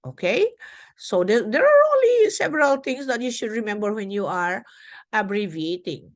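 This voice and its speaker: A woman teacher explaining a classroom lesson to young children, slow and deliberate, with fillers as she goes. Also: medium pitch, very animated.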